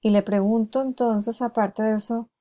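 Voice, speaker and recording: A woman lecturing on therapy strategies, explaining each one and slowing down to model words clearly. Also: a little high, steady tone, warm tone. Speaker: lecturer on hearing-impaired therapy. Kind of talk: recorded lecture with acted examples.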